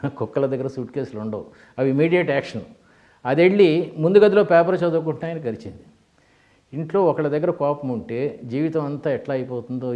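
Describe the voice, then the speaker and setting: A man's voice: medium pitch, muffled recording. Older man telling stories in a lecture. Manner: animated storytelling, acts out quoted characters, mixes in English phrases. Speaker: motivational speaker. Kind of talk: storytelling lecture.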